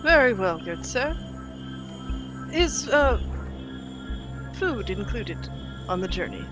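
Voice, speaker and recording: A woman's voice: fairly high pitch, sing-song, takes it slowly, rough recording. Woman as polite tabletop adventurer, formal, hesitant, music behind. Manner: courteous, old-fashioned, hesitant. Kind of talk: tabletop role-play.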